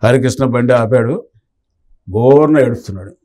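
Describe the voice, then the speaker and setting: A man's voice: mid-range voice, normal speed, dark tone. An older man telling a long story in an interview and acting out the words of the people in it. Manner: anecdotal, acts out quoted dialogue. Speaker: retired police officer recounting memories.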